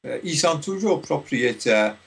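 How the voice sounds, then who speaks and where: An older man from Liverpool, a theology professor, speaking in a radio interview, slowly and with many hesitations. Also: on the high side, animated, vocal fry, fairly bright tone. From Liverpool, England. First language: English. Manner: slow, halting, many fillers.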